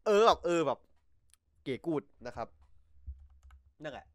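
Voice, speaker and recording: A man hosting a casual podcast over a voice chat call, recapping episodes with lots of excitement, slang and swearing. His pitch swings widely as he talks. The sound is dry and close, with no room echo. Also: unhurried. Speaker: podcast host. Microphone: computer mic over voice chat.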